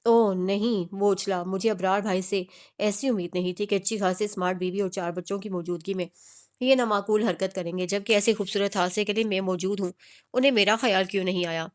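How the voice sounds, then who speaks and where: A woman's voice: medium pitch, steady tone, close to an everyday voice. Teasing, hot-headed young male pal in a romance audiobook, read by a woman. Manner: teasing, then sharp. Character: teasing young male friend, quick-tempered.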